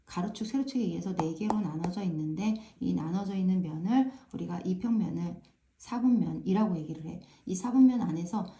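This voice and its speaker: Casting: woman math tutor, low-ish, very mellow tone, casual chatty lesson, keeps checking in with students. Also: a little fast. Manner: frequent tag questions checking understanding; repeats filler "ja" to pace steps. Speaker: math teacher.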